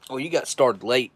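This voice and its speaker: A man in his forties with a slightly rough, medium-pitched voice hosts a live stream. He reads viewer messages and chats in a rambling, chuckling, easygoing way.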